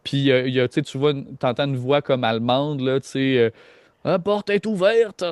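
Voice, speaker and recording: A man's voice: mid-range voice, flat delivery, a little fast, smooth, no echo, clean studio sound. A man with a Québécois accent narrating a tabletop game as game master, rambling and hesitant, with lots of filler. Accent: Québécois French.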